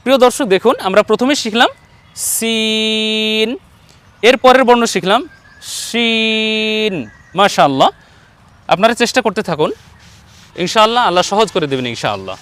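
High-voiced man teaching slow pronunciation. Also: big pitch swings, a bit bright. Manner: patient, repeats letters slowly for viewers to copy. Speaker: Quran teacher. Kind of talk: online letter-by-letter pronunciation lesson.

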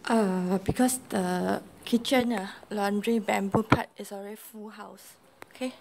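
A middle-aged Singaporean woman chats unscripted for her home vlog, her medium-pitched, gravelly voice holding a steady tone as she halts, rambles, and keeps saying "okay." She films on a phone or tablet, handheld or propped at shifting distances, moving between a bare-walled flat and a semi-open balcony corridor. The amateur home recording is noisy and echoey.

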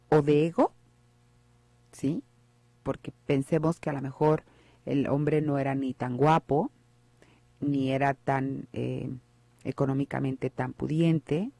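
Mellow woman radio psychologist. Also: low-pitched, dry recording. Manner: reflective, poses rhetorical questions to listeners. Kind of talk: radio advice talk. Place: radio studio.

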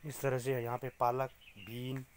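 A middle-aged man walks through a small polyhouse greenhouse, filming himself on a phone held at arm's length. His voice sits at an ordinary pitch, and he explains each crop plainly to the viewers. Faint outdoor sounds and animals can be heard behind him. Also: flat delivery, measured pace, slight background noise. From Uttarakhand, India. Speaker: organic farmer. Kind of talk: casual farm tour vlog. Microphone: phone camera held at arm's length.

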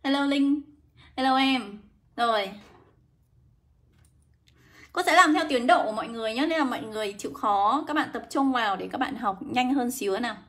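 A young woman teaching English in a live online lesson, brisk and coaxing, greeting viewers by name. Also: a little high, a bit bright. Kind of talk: livestream lesson.

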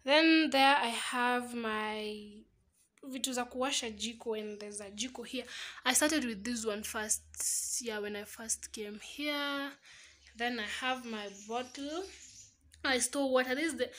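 Bright-voiced Kenyan woman giving a tour. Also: a little high. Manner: chatty, mixes Swahili words into English. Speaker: vlogger. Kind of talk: casual house tour narration. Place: small single room indoors. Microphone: phone camera held while walking.

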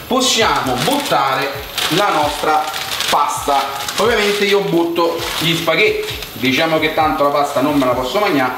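Young man, Roman accent, slightly high voice, casual cooking host, chatty direct address, echoey indoor room. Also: background noise. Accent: Roman Italian. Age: young adult. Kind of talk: casual cooking demonstration to viewers. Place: home kitchen, indoors.

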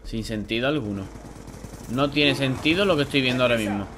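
A young man with a Spain Spanish accent doing live gameplay commentary, excitable and grumbling, swearing when frustrated. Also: medium pitch, brisk, noisy background. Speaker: gaming YouTuber.

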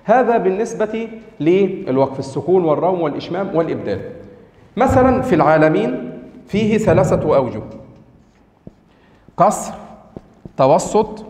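Egyptian man, Quran recitation teacher, a bit high-pitched, patient step-by-step explainer, echoey hall sound. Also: sing-song, a little mellow. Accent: Egyptian Arabic. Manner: explanatory, checks understanding with short questions; slows down to pronounce examples. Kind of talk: lecture on tajwid rules. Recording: echoey room with long reverb.

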